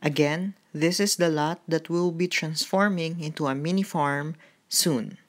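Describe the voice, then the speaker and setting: A woman's voice: sits low, a little slow. A woman hosting a gardening vlog, narrating outdoors on a farm lot in a friendly, explanatory way. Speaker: gardening vlogger.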